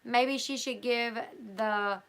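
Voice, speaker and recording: On her livestream a woman reads a book aloud and talks casually with viewers, her hoarse delivery loose with fillers and restarts. She has a fairly high, somewhat bright voice, fairly even intonation, and takes it slowly.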